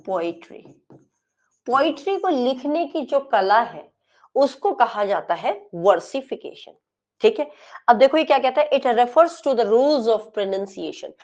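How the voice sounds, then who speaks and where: Woman exam lecturer, highish voice, slow dictation style, lo-fi classroom recording. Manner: dictates notes slowly, stretching English phrases word by word; explains in quick Hindi with frequent checks like "ठीक है?". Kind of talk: classroom lecture mixing Hindi and English.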